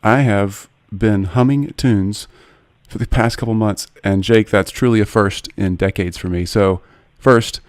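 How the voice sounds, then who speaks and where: A man's voice: fairly low pitch, a little slow, hardly any pauses, dry recording, clean studio sound. A man in his forties hosting a podcast interview, speaking in an earnest, personal and eager way. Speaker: podcast host.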